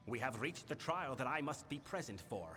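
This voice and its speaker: A man's voice: medium pitch, expressive, music in the background, lightly acted. Man playing a solemn Fae lord in a reverberant hall. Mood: stern. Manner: grave, measured, formal. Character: solemn, imperious male Winter Fae lord of a failing house. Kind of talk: scripted fantasy game dialogue. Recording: long hall reverb, background noise.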